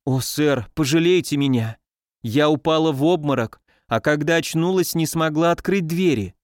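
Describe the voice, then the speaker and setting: A man's voice: fairly high pitch, normal speed, no echo, studio quality, natural voice. A man voicing a timid, frightened housekeeper woman who pleads for help. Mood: pleading.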